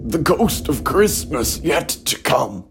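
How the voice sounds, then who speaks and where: A man acting Scrooge in a hobby audio drama, pleading and shouting dramatically. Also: mid-range voice, very animated, slow pace, background noise. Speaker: amateur voice actor playing Scrooge.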